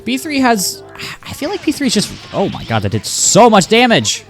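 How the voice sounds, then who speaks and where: Animated rambling game streamer, man. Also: high-pitched, moderate pace, faint music behind. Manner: rambling, animated, laughs often. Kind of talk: casual gameplay commentary.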